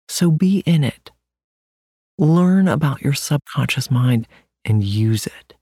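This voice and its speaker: A meditation host guiding a relaxation hypnosis in a soothing, deliberate way with long pauses. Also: medium pitch, dark tone, no room sound, clean studio sound. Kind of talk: slow guided relaxation hypnosis narration. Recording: music playing behind the voice. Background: music.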